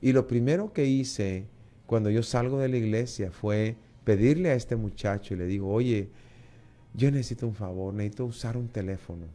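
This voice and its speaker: A man with a Guatemalan Spanish accent giving a lively personal testimony in an interview, acting out the dialogue and often repeating words. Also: on the low side, moderate pace. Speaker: guest.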